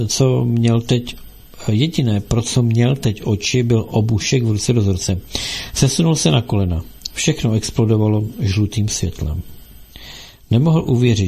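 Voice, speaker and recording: A man narrating an audiobook in a steady, measured reading style. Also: medium pitch, creaky, slightly rough.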